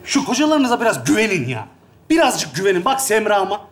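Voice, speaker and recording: A man acting in a stage comedy sketch, talking in an exasperated, loud way. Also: sits high, huge pitch swings, fairly quick.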